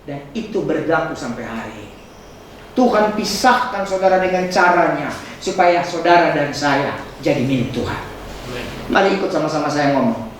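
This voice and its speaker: Preaching man in an echoey church hall. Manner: emphatic preaching with sudden high dramatic outbursts and rapid asides. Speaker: pastor. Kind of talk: sermon. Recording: echoey hall, distant mic, faint noise.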